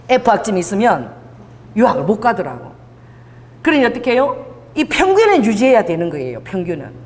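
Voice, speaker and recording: A middle-aged woman pastor delivering a lively sermon, leading the congregation to repeat after her and acting out quoted voices. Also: a little high. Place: church sanctuary. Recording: long church reverb.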